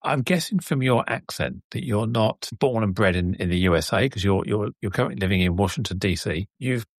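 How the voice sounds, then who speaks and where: A man's voice: on the low side, animated, brisk, dry recording, clean studio sound. A man hosting an interview show, gracious and chatty, who thinks aloud as he talks. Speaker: podcast host.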